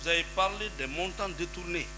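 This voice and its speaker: A man's voice: sits high, fairly quick, sharp tone, poor audio. A male lawyer cross-examining a witness in a courtroom, pressing and repeating pointed questions.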